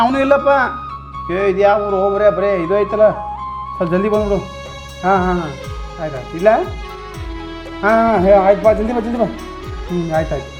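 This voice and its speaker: Fast-talking high-voiced North Karnataka man. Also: dull audio. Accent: North Karnataka Kannada. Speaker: comedian. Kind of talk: comic sketch acting.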